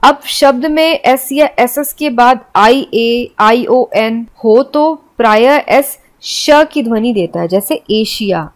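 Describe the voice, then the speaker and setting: A woman teaching English pronunciation, explaining each rule step by step and spelling words out letter by letter. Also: fairly high pitch. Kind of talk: classroom explanation.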